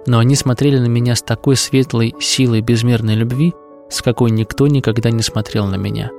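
A man reading a literary passage aloud in an even, solemn manner. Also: medium pitch. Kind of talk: read-aloud literary quotation.

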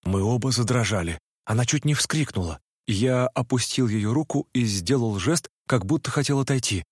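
A man narrating a story in the first person, reading in a measured, reflective way. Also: medium pitch, expressive, dry recording, studio quality. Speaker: audiobook narrator.

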